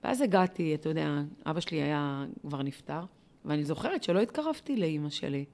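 A woman's voice: low-pitched, expressive, darkish tone. A middle-aged woman being interviewed, telling a personal story in a heartfelt way, with many rhetorical questions and fillers. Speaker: interviewee, volunteer leader.

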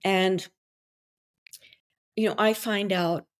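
A Belgian woman, a native French speaker, talks about her job as a wedding coach and officiant during a podcast interview. Her voice sits in the middle range and she speaks very slowly. She comes across as confident, expressive and theatrical.

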